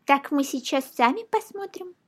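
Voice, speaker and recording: A woman voicing a blustering old male judge who scolds loudly in a storybook reading. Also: sits high, lively intonation, normal speed, voice pushed up. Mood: outraged. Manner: loud exclaiming scolding.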